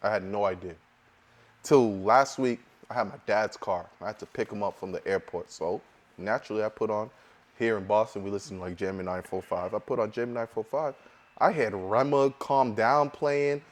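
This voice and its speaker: A man co-hosting a casual podcast who works as a DJ, telling relaxed, rambling stories. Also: on the low side, normal speed. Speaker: podcast co-host and DJ.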